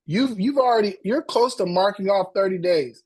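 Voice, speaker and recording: A man hosting a coaching call, giving motivational talk in a halting way, repeating words and getting choked up. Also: high voice, animated, husky, no room sound.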